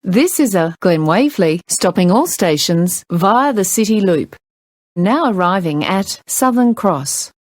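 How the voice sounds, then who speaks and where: A woman's voice: mid-range voice, measured pace, no echo, studio quality. Australian woman's spliced-together train announcements. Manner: clipped, even announcing. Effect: spliced-together recorded words. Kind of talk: recorded onboard announcements.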